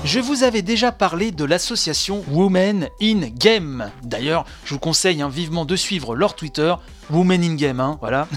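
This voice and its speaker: Male podcast host, high voice, jokey self-mocking patter over faint music. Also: a bit bright. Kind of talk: daily gaming news podcast.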